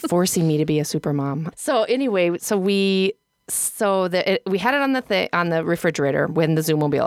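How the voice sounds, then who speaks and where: A woman's voice: on the low side, no echo. A middle-aged woman from South Dakota chats on a podcast in a dry, close recording. She tells her stories with lots of energy, laughing often and stopping to restart her sentences. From South Dakota, United States. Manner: animated storytelling, laughs often, rambling restarts. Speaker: podcast co-host. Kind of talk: casual podcast chat.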